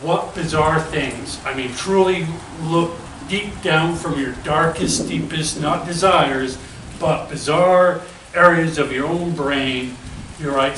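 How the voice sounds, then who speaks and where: A man's voice: on the high side, a bit bright. A man interviewing a new VJ, rambling jokily through long questions. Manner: rambling, jokey. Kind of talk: casual interview chat. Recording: echoey room, distant mic, background noise.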